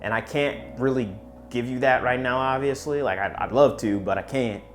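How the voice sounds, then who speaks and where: A young man delivers a relaxed youth sermon in a chatty, animated way, joking at his own expense and dropping slang. His voice sits at a middle pitch. Faint music plays underneath. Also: moderate pace. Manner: chatty and animated, with slang and self-deprecating asides. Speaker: youth pastor.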